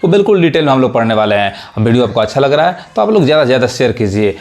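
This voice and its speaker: A man's voice: medium pitch, big pitch swings, racing, a little mellow. A man teaching English pronunciation rules in Hindi, repeating his points and often checking whether his listeners understand. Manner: repetitive teaching, asks "samajh mein aa raha hai?". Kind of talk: classroom explanation.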